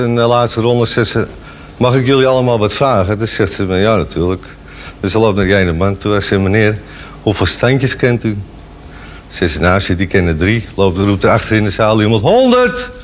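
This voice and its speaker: A man's voice: medium pitch, a little hiss or hum. A man telling jokes and acting out the characters with voices that jump up and down. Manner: acts out the characters, shifting his voice up and down. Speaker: joke teller.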